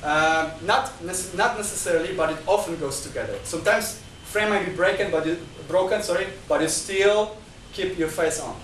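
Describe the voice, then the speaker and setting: In a high-pitched, fairly bright voice at normal speed with few pauses, a non-native-Chinese guest speaker lectures a discussion group, going point by point with frequent restarts and repetitions. The echoey indoor room, distant mic, and slight background noise color the recording.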